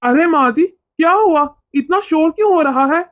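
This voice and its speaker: A woman's voice: very high-pitched, expressive, moderate pace, no echo. Woman voicing a stern mother-obeying husband. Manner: stern, commanding. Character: stern young husband, obedient to his mother. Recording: dull lo-fi sound from off-mic.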